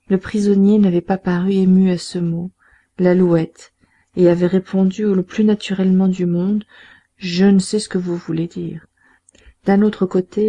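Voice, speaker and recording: Woman reading a novel aloud, mellow. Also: fairly low pitch. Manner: measured, steady reading. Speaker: audiobook narrator. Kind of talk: scripted narration.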